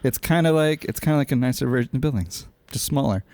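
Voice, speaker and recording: A man's voice: medium pitch, lively intonation, quick pace, darkish tone, dry recording. A young man co-hosting a podcast in casual chat, easygoing, with short agreeing replies and chuckles. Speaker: podcast co-host.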